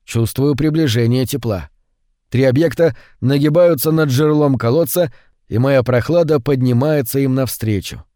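A man reading a short story aloud, slow and brooding, raising his voice for the quoted lines. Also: medium pitch, no room sound, clean studio sound. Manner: slow, hushed and brooding, with louder acted quotes. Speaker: audiobook narrator. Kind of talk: scripted narration of a short story.

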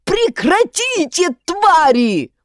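A woman voicing a depressed worker in a storybook, shouting hysterically in a high voice. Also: huge pitch swings, slow, no echo, heavily acted. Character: panicking man, a depressed worker falling from a roof.

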